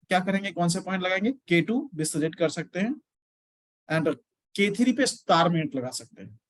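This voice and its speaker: A man's voice: sits high, dry recording. A man teaching an acupressure class in a mixed Hindi-English lecture, explaining step by step and often checking in with his students.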